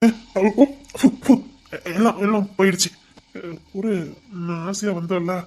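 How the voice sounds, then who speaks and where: A woman's voice: medium pitch, steady tone, a little slow, a little mellow, lightly acted. A woman voicing a drunk, possessive young husband who slurs and insists. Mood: drunk pleading.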